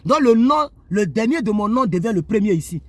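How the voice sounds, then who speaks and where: A man's voice: high-pitched, fairly quick, a little hiss or hum. A man from Côte d'Ivoire, seated indoors and delivering a preachy monologue straight to his viewers. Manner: animated, preachy, addresses viewers directly. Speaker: YouTuber. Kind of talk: moralizing monologue to camera.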